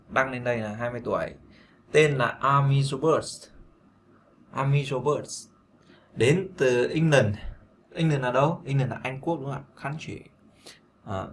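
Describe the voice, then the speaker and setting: Chatty man teaching English, echoey room. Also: medium pitch. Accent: Vietnamese. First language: Vietnamese. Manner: chatty, repeats words often, breaks in with fillers and asides. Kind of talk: explaining a beginner English lesson. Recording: echoey room with faint noise.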